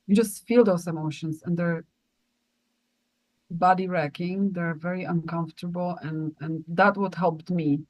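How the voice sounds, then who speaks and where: A woman's voice: lowish voice, steady tone, a little slow, rough recording. A woman co-hosting a spiritual podcast, talking in an earnest, rambling way with many restarts. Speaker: podcast co-host.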